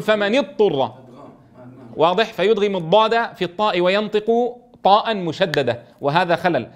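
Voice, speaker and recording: High-voiced teacher drawing out sounds. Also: male voice, fairly bright tone. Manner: keeps checking understanding, slowly draws out sounds to demonstrate. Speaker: Quran recitation teacher. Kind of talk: explaining a tajweed text in class.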